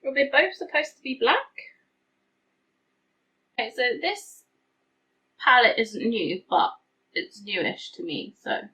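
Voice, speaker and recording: Female beauty vlogger: forward, bright tone, slightly raised pitch, a touch tinny, informal and rambling, self-deprecating. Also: big pitch swings, measured pace, pauses often. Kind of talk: casual rambling chat to camera. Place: hot room at home, window open.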